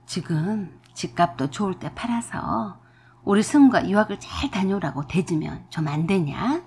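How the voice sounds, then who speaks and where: A greedy, overbearing older mother-in-law, put on by a woman reading a radio drama. She scolds and wheedles with a husky, breathy edge. Her pitch rises and falls widely through each demand. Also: lively intonation, normal speed. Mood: wheedling. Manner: domineering, scolding, shouting.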